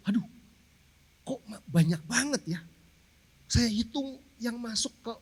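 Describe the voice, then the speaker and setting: A man preaching a sermon to his congregation, telling a personal story in a casual, conversational way and speaking to the listeners directly. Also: sits high. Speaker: pastor. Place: large church hall. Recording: long church hall reverb.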